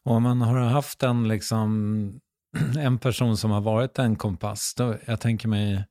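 An interviewer who asks gentle follow-up questions and keeps prompting with short murmurs. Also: medium pitch, steady tone, dry recording, studio quality.

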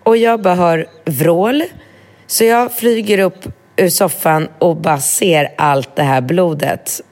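Woman, casual chat, animated storyteller, slightly low pitch, swears freely. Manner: lively storyteller, swears, acts out quoted voices. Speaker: mother of three small children.

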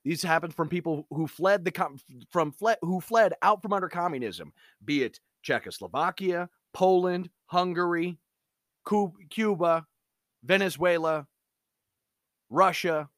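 A man's voice: high voice, measured pace, fairly bright tone, no echo. Man, commentator, opinion monologue, emphatic, dry sound.

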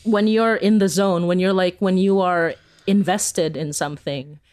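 Speaking at a measured pace with a fairly low voice, a woman from the Philippines tells stories as a guest on an interview. She creates podcasts herself, and her casual, animated chatter is giggly and packed with "like."

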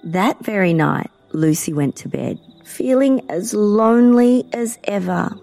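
A woman narrating a children's story in an expressive, dramatic way. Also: mid-range voice, measured pace, gravelly, faint music behind.

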